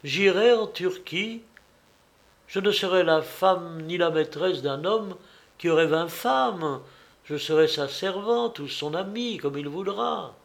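A man reading aloud, voicing a respectful but firm young woman who speaks softly and earnestly to her father. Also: lowish voice, takes it slowly, gravelly, voice pushed up. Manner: soft, earnest pleading.

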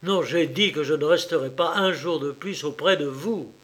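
A man's voice: on the high side, normal speed, a bit bright, close to an everyday voice. A man voicing a proud, icy young man. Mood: cold. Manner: grave, icy. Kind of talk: audiobook reading.

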